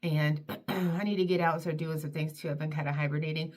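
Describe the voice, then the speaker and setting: A middle-aged woman vlogger from North Carolina chatting casually while she does her hair, self-deprecating and drifting into soft mutters. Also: deep voice, fairly even intonation, fast talker.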